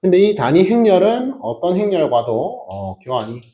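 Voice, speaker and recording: A man's voice: high voice, sing-song, moderate pace, dark tone, slight background noise. A man teaching a math class, explaining step by step with emphatic rhetorical questions to his students. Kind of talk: classroom lecture.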